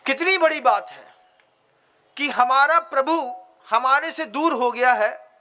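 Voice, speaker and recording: Monk guy preaching, real high pitched voice, keeps asking the crowd questions. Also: slow, pushed and bright, a little hiss or hum. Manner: exhorting, rhetorical questions to the audience. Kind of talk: sermon.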